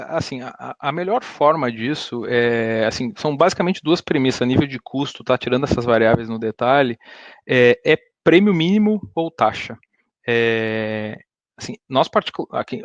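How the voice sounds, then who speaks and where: A man from Italy speaks Portuguese as a cargo insurance broker. His voice sits a little high, and the sound is close and dry. He hesitates often, stacks fillers and restarts his phrases. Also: no room sound. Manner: hesitant, many fillers and restarts, uses English insurance words. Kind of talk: webinar Q&A explanation.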